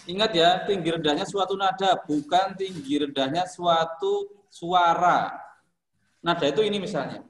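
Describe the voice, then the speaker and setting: A man's voice: sits high, moderate pace. A man teaching a school music class, explaining singing technique in an encouraging, joking way. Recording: echoey classroom.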